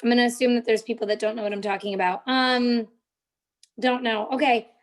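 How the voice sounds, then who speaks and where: Brisk and steady in tone, with a fairly high pitch, this young woman hosts a casual live-stream tutorial. She chats with viewers in the chat while showing them social media tips.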